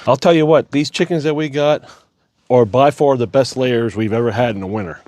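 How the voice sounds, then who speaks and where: A homestead vlogger from Ohio, a man whose voice is going hoarse, gives a casual walkthrough of his farm outdoors and his basement, chatting about the woodstove and laughing between remarks. His voice is mid-range with a darkish tone, and he talks a little fast.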